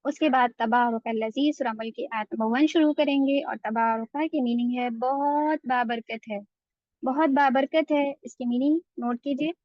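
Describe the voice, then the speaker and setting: A woman's voice: high-pitched, moderate pace, dry recording, dull audio. A woman teaching a Quran recitation lesson, explaining patiently and drawing out the recited words. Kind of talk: online tajweed lesson.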